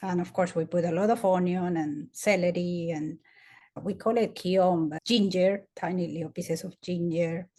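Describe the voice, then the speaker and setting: A woman's voice: fairly low pitch, fairly even intonation, normal speed. Peruvian woman in her 50s, accented english, chatty podcast guest, laughs as she tells it. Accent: Peruvian Spanish. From Peru. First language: Spanish. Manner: warm storytelling with frequent soft laughs. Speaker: guest dietitian. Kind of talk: conversational interview.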